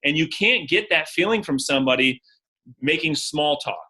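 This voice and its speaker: Male sales coach, bright and forceful, slightly high voice, direct and energetic delivery over a video call. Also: normal speed, slightly rough, low-quality recording. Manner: energetic, direct, role-plays sales scripts. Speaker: real estate coach.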